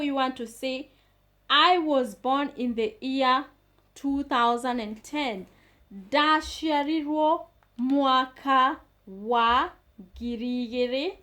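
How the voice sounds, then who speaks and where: Woman, language teacher, high-pitched, very slow, careful repetition. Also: fairly bright tone. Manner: slow, repeats each phrase carefully. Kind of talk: slow, patient language lesson.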